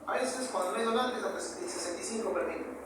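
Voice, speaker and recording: Peruvian male professor, high-pitched, repeats terms and quizzes the class; distant, reverberant classroom audio. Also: brisk. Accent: Peruvian Spanish. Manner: repeats key terms, asks the class rhetorical questions. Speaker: histology professor. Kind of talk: university lecture. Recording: very echoey room, far from mic, noisy.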